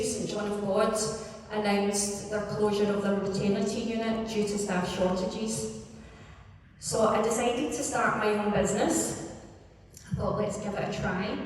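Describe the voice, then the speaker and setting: A woman with a broad Scottish accent giving a prepared pitch on stage as a startup founder. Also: a little mellow. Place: large echoey event venue. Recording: echoey hall, distant microphone.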